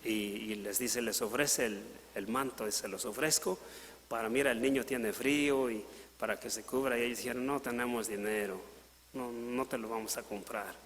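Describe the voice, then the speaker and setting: A man's voice: medium pitch, moderate pace, fairly bright tone, in a large hall, slight background noise. A man preaching a sermon in Latin American Spanish, retelling a parable and briefly voicing its characters. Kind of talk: sermon storytelling. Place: church.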